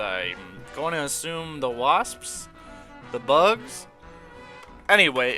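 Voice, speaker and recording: A man's voice: medium pitch, bright, forceful tone. A young man casually commentating a game, laid-back and slangy, laughing now and then. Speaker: gaming channel host.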